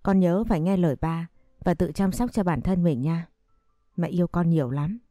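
A woman voicing a gentle mother, soft and soothing, speaking in a low, warm, mellow voice. The recording is dry and close, with faint music beneath. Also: normal speed, no room sound, natural voice. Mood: tender. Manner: tender, soothing. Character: gentle loving young mother. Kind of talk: audio story reading.

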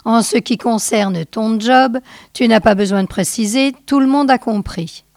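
Woman voicing a calm wise old elder. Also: on the high side, a little slow, no room sound, studio quality. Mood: calm authority. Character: calm, wise older male community elder.

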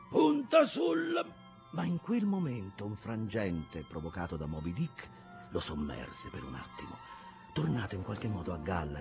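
A man narrating a novel as an expressive, measured dramatic reading. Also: a bass voice. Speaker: audiobook narrator.

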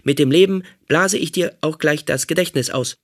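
Man voicing a hostile robot soldier, raised pitch, loud and menacing, husky edge. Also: normal speed. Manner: menacing, accusing, stiff.

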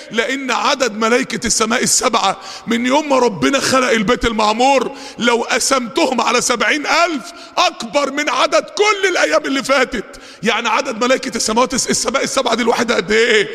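A fiery Egyptian man delivers a Friday sermon in a high, bright voice with a gravelly edge. He races through asides, then stretches out verses in a shouting chant. His voice rings with the long reverb of a big hall. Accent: Egyptian Arabic. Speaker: preacher.

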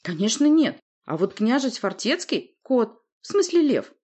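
A woman voicing an impulsive young male hero who shouts his lines in an audiobook. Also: a little high, sing-song, a little slow, husky, pitched above the performer's own voice, exaggerated voice. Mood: explaining. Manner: loud exclamations, sneezing fits. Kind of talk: audiobook character voice.

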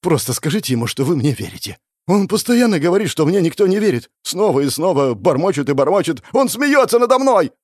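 A man voicing a young man who is half-mad, stammering and laughing through tears, with a high, lively, breathy voice. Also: normal speed, dry recording, clean studio sound. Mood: desperate.

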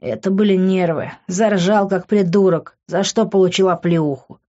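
Low-voiced woman narrating an audiobook. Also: normal speed, dark tone, lo-fi sound. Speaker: audiobook reader. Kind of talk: first-person audiobook narration.

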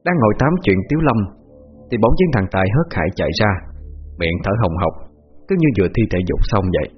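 Male narrator, rapid casual storytelling, slightly muffled audio with faint music. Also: on the low side, sing-song, husky. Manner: casual, joking storytelling, switching into friends' voices. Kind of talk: first-person spoken narration with voiced dialogue.

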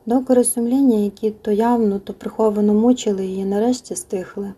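Husky, dark-voiced woman reading a novel. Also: medium pitch, steady tone, brisk. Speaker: audiobook narrator. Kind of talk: scripted narration of a novel.

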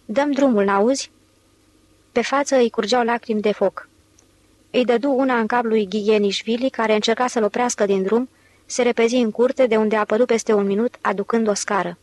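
A woman reading a novel aloud in steady, measured literary narration. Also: fairly high pitch, dry recording. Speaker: audiobook narrator.

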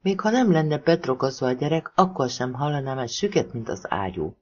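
An audiobook narrator from Hungary reading a thriller with an expressive, animated delivery. The pitch moves a lot through each sentence. The recording is dull and lo-fi.

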